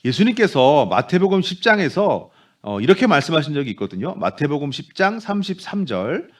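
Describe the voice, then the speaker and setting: In a church sanctuary, a male pastor delivers an animated, brisk Sunday sermon, dropping into soft low voices whenever he quotes someone.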